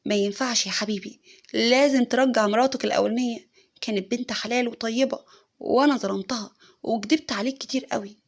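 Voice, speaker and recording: A woman's voice: fairly high pitch, steady tone, fast talker. A woman with an Egyptian accent voicing an older mother who scolds and frets in a spoken story. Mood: scolding. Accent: Egyptian Arabic.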